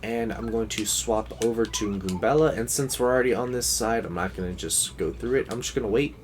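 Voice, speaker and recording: A man's voice: on the low side, a little fast, a little hiss or hum. A man livestreaming a video game with casual, rambling commentary, thinking aloud as he plays.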